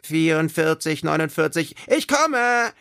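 A man voicing a small, timid male island creature who chatters fearfully when excited, in an audiobook. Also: on the high side, takes it slowly, creaky, voice pushed up, heavily acted. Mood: counting. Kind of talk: audiobook character voice.

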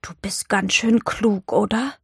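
A woman voicing an awed, timid young schoolgirl in a storybook audiobook, in a high, wondering voice. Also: expressive, unhurried, vocal fry, dark tone, slightly rough, dry recording, clean studio sound, exaggerated voice. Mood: pleading.

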